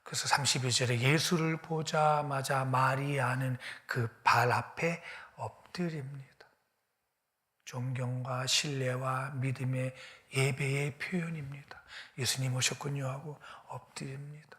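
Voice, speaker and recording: A man's voice: mid-range voice, fairly even intonation, measured pace, a bit bright. A male pastor preaching a sermon, retelling the story dramatically and often dropping his voice to a whisper.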